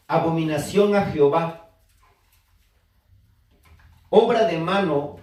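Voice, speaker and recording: A preacher whose voice runs on the high side, with a darkish tone, teaches his congregation and urges them to respond. The church room is echoey, and the mic is far from him.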